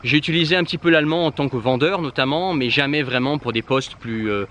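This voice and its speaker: Speaking quickly in a fairly bright mid-range voice, with a little hiss or hum behind him, a man of Germanic native tongue chats directly to camera about learning languages. His delivery is informal, with lots of fillers and restarts.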